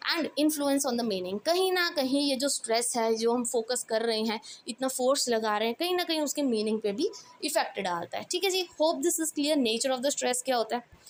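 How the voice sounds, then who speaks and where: High-voiced woman teacher, brisk revision. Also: slight background noise. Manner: brisk, mixes Hindi and English, frequent "ठीक है" check-ins. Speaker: English teacher. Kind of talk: exam revision lesson.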